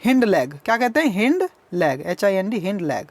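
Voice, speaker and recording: A woman's voice: medium pitch, sing-song, normal speed. Woman teacher quizzing and spelling. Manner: asks questions and answers them herself, spells words letter by letter. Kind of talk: explaining an English textbook lesson.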